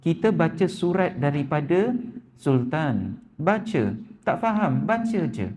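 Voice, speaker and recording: A man with a Malaysian Malay accent preaches at an evening mosque lecture, addressing the congregation again and again. His voice sits fairly high and has a mellow, warm tone. A faint noise runs under the recording. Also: very animated, unhurried. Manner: addresses audience repeatedly, acts out quoted voices with lifted pitch. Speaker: ustaz giving a mosque lecture. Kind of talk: Malay religious sermon. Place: neighbourhood mosque prayer hall.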